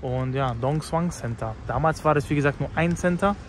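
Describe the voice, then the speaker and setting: A man's voice: on the high side, brisk. A man vlogging outdoors by a market hall, talking in a hyped, slangy way and repeating himself. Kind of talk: casual vlog commentary. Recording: street noise outdoors.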